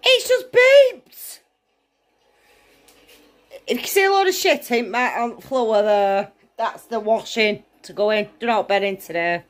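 A home cook vlogger from northern England chats casually while cooking indoors in her kitchen, blunt, giggly and tipsy from drink. Her mid-range voice is expressive, at a moderate pace with few pauses, and she talks in an exclamatory way, swearing as she goes.

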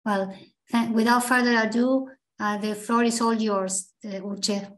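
Hoarse woman presenter, fairly high voice, formal bio read with hesitant self-corrections. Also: steady tone, measured pace, a bit bright, rough recording. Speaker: presenter introducing the guest speaker. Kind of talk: formal introduction, reading a bio aloud.

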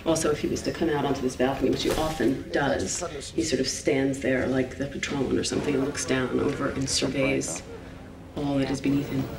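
A woman in her forties, a set designer, talks thoughtfully in a behind-the-scenes interview, pausing to find her words as she describes the space. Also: extremely low pitch, little pitch movement. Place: indoor studio set, large interior. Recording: roomy echo, voice from a distance.

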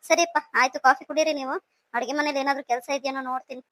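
Woman playing older cartoon mum, soft and motherly, dry close mic. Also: high-pitched, fairly even intonation, rapid-fire, no room sound, voice pushed down. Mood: tender. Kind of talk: cartoon voice acting.

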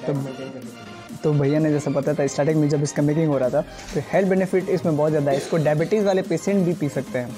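A Bihari Hindi-accented food vlogger talks up his meal indoors at a restaurant, chatty, excited and heavy on fillers. His voice is on the high side, his intonation fairly even, his pace quick. Music blares in the background.

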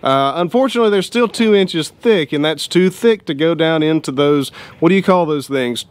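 Plainspoken man, higher voice. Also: moderate pace, clear, resonant tone, no echo. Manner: relaxed, plainspoken, explains as he works. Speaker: homesteading vlogger. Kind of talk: casual how-to narration. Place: open-sided shed outdoors by a sawmill.

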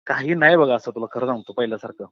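Speaking rapid-fire in a mid-range voice, a man with a rural Maharashtrian accent holds an opinionated, casual phone monologue, colloquial, earnest and philosophising, often calling the listener brother. The call is recorded close and dry in dull lo-fi quality.

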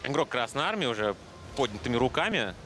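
A man's voice: mid-range voice, big pitch swings, quick pace, music in the background. A man working as a hockey commentator, giving live play-by-play.

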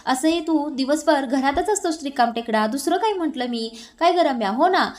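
A woman's voice: high-pitched, lively intonation, normal speed. A woman voicing a scheming middle-aged aunt who mocks her nephew, read in her own voice. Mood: taunting.

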